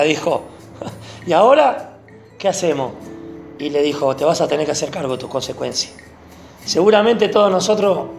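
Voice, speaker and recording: A man preaching a sermon, animated and repeating phrases for emphasis. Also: high-pitched, creaky.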